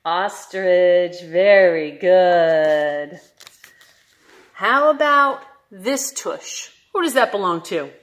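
Here a young woman who works as a children's librarian reads a story aloud, animated and lilting, posing questions as she goes. She speaks in a lowish voice and very slowly.

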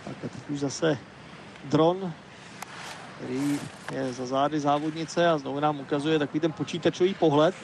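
A man giving live, measured ski race commentary, analytical and hesitating now and then. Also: on the high side, fairly even intonation, gravelly, noisy background.

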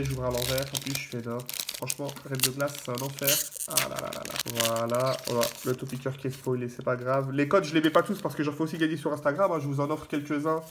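A man giving casual, excitable commentary as he opens trading card packs, full of fillers and repeated words. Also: fairly high pitch.

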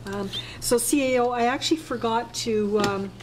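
A woman's voice: fairly high pitch, normal speed. A woman chairing a town council meeting, speaking with many fillers and restarts, with a light chatty aside. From Canada. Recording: faint noise, council chamber.

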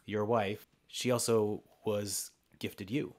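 A man with a fairly low voice hosts a conversational interview. He talks in measured, deliberate phrases and offers steady affirmation to his guest. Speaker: podcast host.

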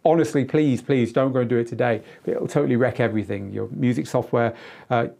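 A middle-aged host and DJ tutor runs a live Q&A from a small indoor studio, recorded on a lapel mic. His mid-range voice is gravelly and warm, steady in tone and a little fast. He explains things in a chatty, casual, emphatic way.

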